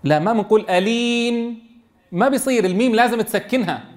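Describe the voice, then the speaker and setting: A man with a very high voice teaches a class the rules of Quran recitation, quizzing his students and modeling words in slow, drawn-out recitation. Background noise is audible.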